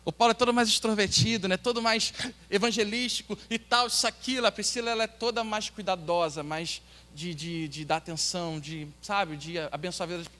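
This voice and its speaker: A Brazilian pastor with a Brazilian Portuguese accent, preaching an earnest sermon and asking the congregation questions. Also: male voice, sits high, brisk, pushed and bright. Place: church hall. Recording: long hall reverb.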